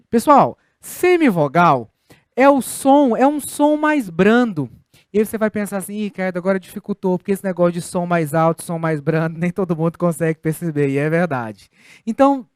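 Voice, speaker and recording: A man's voice: sits high, clear, resonant tone, no room sound, clean studio sound. A Brazilian man giving a recorded grammar lesson, explaining step by step and asking his students rhetorical questions. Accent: Brazilian Portuguese. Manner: didactic, addresses students directly with rhetorical questions. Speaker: Portuguese teacher.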